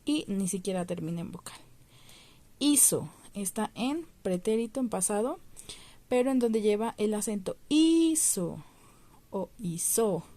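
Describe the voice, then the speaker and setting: A woman's voice: medium pitch, moderate pace, mellow. A woman teaching a primary school lesson, patiently explaining step by step and stretching out the stressed syllables. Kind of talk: recorded remote lesson.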